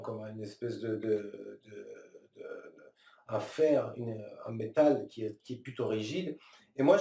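A man in his thirties from Iran talks through his ideas in an interview, pausing and restarting often, stacking fillers as he searches for words. His voice is warm and mellow, heard a little off-mic in a roomy space. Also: medium pitch. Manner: thoughtful, halting, many restarts and fillers, gestures with both hands. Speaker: filmmaker being interviewed. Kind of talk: reflective interview answers. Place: small room, seated at a table. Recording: roomy, slightly distant sound.

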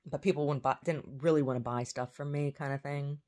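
A woman's voice: a bass voice, fairly even intonation, brisk, darkish tone. A woman vlogging in a casual, rambling way, often trailing off and restarting her sentences.

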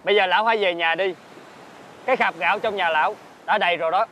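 A man's voice: sits high, fast, bright, forceful tone, a little hiss or hum. A man playing a golden fish who is a young Dragon King prince, speaking in a solemn, lordly way. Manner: solemn, lordly, addresses the old man as "lão". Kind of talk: fairy-tale drama acting.

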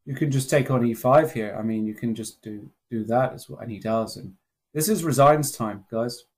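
A man's voice: mid-range voice, moderate pace, darkish tone. Man commentating live on chess.

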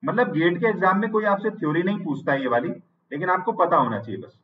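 A male teacher with an Indian English accent giving an online exam-prep lecture. He dictates notes slowly, repeats phrases, and asks and answers his own questions. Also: high voice, expressive, far from the mic, dull audio.

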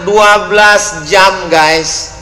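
A man from Riau, Sumatra, preaching a lively sermon to a crowd. He jokes, acts out quoted voices and breaks into sudden shouts. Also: sits high, very slow. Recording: echoey hall with long reverb, faint noise.

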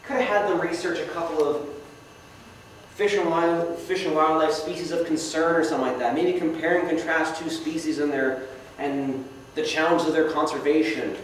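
A fairly high-pitched young man speaks in a steady tone at a moderate pace, giving a casual club slideshow talk as a guest speaker in a meeting hall. He pokes fun at himself and invites audience questions. Echo, faint noise, and a distant mic mark the recording.

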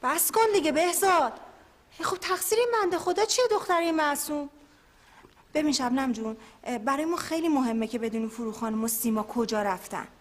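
An actress as a bossy sharp young woman. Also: high-pitched, close to an everyday voice. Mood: persuasive. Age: young adult. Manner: sharp, commanding, teasing. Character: bossy, quick-witted young woman taking charge. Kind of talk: film dialogue.

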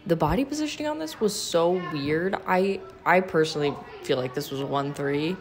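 A woman's voice: low-pitched, expressive, brisk, a little hiss or hum. A young woman vlogger chatting casually to her viewers, with lots of filler words. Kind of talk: casual vlog chat and voice-over. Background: background music.

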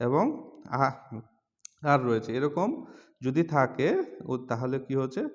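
A man with a Bangladeshi accent teaching an English pronunciation lesson, repeating example words slowly. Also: mid-range voice. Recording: long hall reverb.

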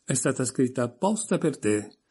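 A man's voice: medium pitch, sing-song, moderate pace, a little mellow, breathy edge, full character voice. A man reading an audiobook voices a pompous, stern egg creature reciting verse.

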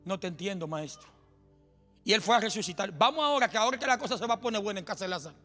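A man preaching a sermon in a church, impassioned and often shouting, with joking asides. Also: high voice, animated, racing. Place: church sanctuary. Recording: long hall reverb with faint music.

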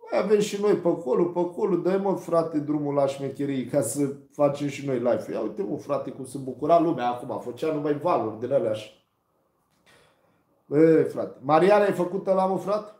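A man telling a story on a live stream in rough slang, swearing often and quoting others. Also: fairly high pitch, lively intonation, warm tone, echoey room. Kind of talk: casual storytelling.

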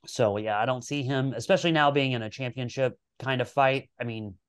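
A man co-hosting a casual podcast, talking in long relaxed runs and swearing now and then. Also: medium pitch, a little fast, smooth. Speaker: podcast co-host.

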